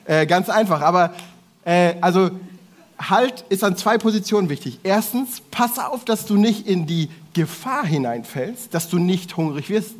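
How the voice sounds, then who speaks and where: A man preaching to a congregation in a lively way, talking directly to the audience with playful asides. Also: high voice. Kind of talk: sermon to a congregation.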